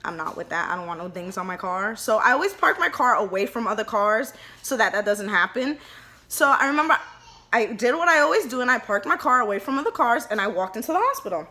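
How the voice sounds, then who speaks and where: Chatty bright-voiced young woman. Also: on the high side, fast. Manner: chatty and animated, many "like" fillers, acts out dialogue. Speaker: vlogger telling her birth story. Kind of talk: casual storytime.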